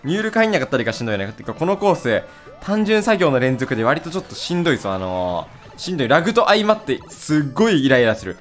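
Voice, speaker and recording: A young man reacts to his gameplay in a quick, lively rush, his pitch bouncing high and low. He talks rough and playful, scolding the screen in jest. Faint game music plays behind him. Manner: excitable, blurts rapid reactions and laughs; rough casual talk, playful mock scolding. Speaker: gaming video host. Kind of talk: let's-play commentary.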